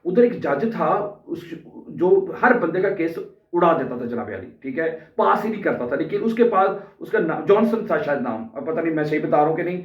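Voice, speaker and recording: A man's voice: fairly high pitch, expressive, hardly any pauses. A man from Pakistan, earnestly telling his own story to viewers in a casual vlog and checking in with them often. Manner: earnest, addresses viewers directly, keeps adding "okay" checks. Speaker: language vlogger. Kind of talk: casual personal storytelling to camera. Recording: roomy, distant, dull mic sound.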